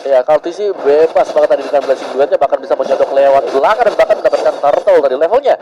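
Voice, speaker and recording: Male Indonesian esports co-commentator, analytical, extremely quick delivery, a little higher-pitched than average. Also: crowd noise, poor audio.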